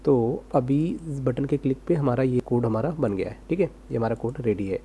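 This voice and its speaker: Male coding tutor, relaxed mellow delivery, rhetorical self-questions as he types, light hum in the recording. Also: mid-range voice, brisk. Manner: casual, rhetorical self-questions, talks while typing. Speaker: programming tutor.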